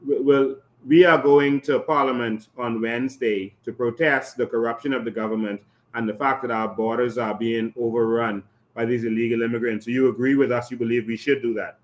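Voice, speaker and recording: A man's voice: mid-range voice, steady tone, fairly quick. A man hosting an interview who reacts often with "wow" and "yeah" and asks pointed follow-up questions. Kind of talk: casual interview conversation.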